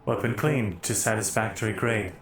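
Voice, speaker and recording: A man voicing a calm, overly smooth android soldier, speaking in formal, even, unemotional machine phrasing. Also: lowish voice, moderate pace, slight background noise, natural voice. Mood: smooth, flat. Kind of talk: voicing a character in a tabletop roleplay. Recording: echoey room with faint music.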